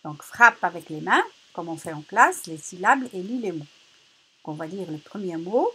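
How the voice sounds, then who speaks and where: A female teacher leading a reading lesson for children, slowly repeating words and stressing each syllable loudly. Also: lowish voice, very animated, husky, rough recording.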